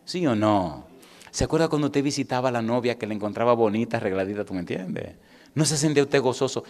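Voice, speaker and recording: Middle-aged male pastor, sermon delivery, swings loud to hushed. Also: medium pitch, gravelly. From Caribbean. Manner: storytelling, swings from loud and animated to hushed and intimate; asks the congregation questions.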